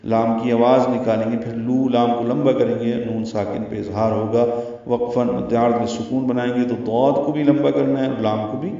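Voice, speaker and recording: A man giving a Quran recitation lesson, explaining the rules step by step in a slow, methodical way and chanting verses, recorded in a very echoey room from a distance with a dull sound. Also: medium pitch, little pitch movement, warm tone. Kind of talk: tajweed lesson.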